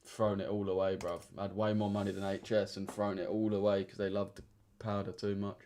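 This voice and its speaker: Jeune homme à l'accent de l'Essex, bavard, voix un peu grave. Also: male voice, lowish voice, level tone, brisk, a little mellow, a little hiss or hum. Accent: Essex English. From Essex, England. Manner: slangy, chatty, addresses chat directly. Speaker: trading livestreamer. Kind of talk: casual livestream chat.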